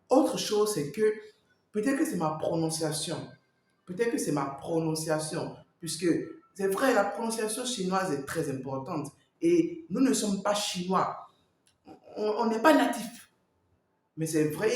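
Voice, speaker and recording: A man's voice: high-pitched, expressive, a little slow. A man working as a language coach, giving advice straight to the viewer and repeating his points. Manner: repetitive, talks straight to the viewer. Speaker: Mandarin coach. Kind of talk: teaching advice to camera. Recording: very echoey room.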